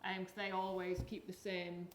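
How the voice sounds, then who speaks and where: Brisk woman in an echoey room. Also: on the low side, completely flat delivery. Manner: brisk, chiming in with short remarks. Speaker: co-host. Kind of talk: casual explanatory chat.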